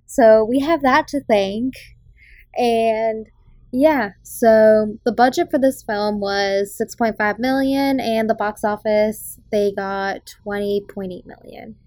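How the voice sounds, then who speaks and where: A young adult woman from Massachusetts's South Shore, with a faint Boston accent, hosts a casual movie review podcast, chatty and opinionated and full of ums. Her voice is a little high and darkish in tone, and she speaks slowly with no echo.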